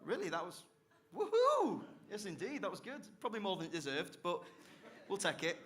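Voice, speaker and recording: A young South Yorkshire man doing stand-up, his voice sitting a little high and sounding bright and forceful. He swears freely and teases the crowd with cheeky banter between his jokes. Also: huge pitch swings, a little fast. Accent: South Yorkshire English. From Barnsley, South Yorkshire, England. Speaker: stand-up comedian. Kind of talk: live stand-up set. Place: comedy club stage.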